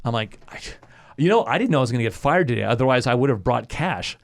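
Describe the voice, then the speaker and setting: Animated man telling a story. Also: medium pitch, quick pace, gravelly. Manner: animated storyteller acting out quoted voices. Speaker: podcast guest, former radio host. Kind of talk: casual storytelling.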